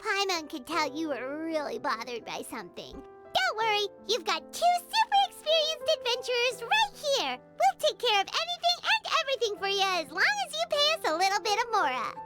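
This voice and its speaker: Game companion Paimon: a tiny chirpy floating female sprite with a shrill, piping voice that leaps wildly up and down. She sounds eager and cheeky, and loud game music plays behind her. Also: big pitch swings, moderate pace. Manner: eager, cheeky, speaks of herself by name. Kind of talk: video game voice acting.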